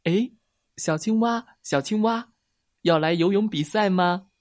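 A man voicing a kind, gentle little turtle in a children's story. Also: high voice, measured pace, no room sound, clean studio sound, pitched above the performer's own voice. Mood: kindly. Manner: gentle, kindly. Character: warm kindly little turtle.

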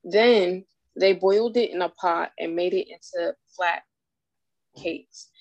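A woman reads scripture aloud to a group. Her voice is somewhat low, and the sound is dry and close. She reads at a steady, measured pace. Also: dry recording, lo-fi sound. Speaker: scripture reader in a study group.

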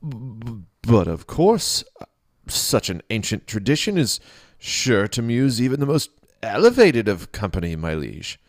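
A man voicing a jittery, high-pitched young priest. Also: big pitch swings, slow pace, no room sound. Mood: flustered. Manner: jittery, stammering, yelping high outbursts. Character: nervous young male priest acolyte, flustered and stammering.

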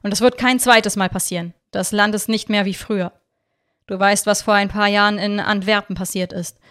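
A woman voicing a calm, unemotional man who speaks firmly and with emphasis. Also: medium pitch, moderate pace, natural voice. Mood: urgent. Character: calm, cold man warning a criminal.

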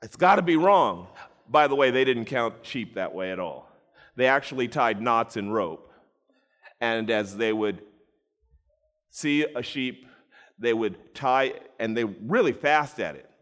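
A man preaching a storytelling sermon, animated, acting out voices and addressing listeners by name. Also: mid-range voice, measured pace. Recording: long reverb in a large hall.

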